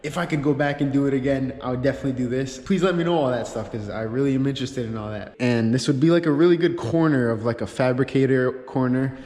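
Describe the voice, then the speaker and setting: A man hosting a casual car vlog, talking in an excited, rambling, slangy way, his voice echoing in a large empty workshop. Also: mid-range voice, fast, hardly any pauses. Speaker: YouTube car-channel host. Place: large, echoey indoor garage workshop. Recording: very echoey, reverberant empty workshop.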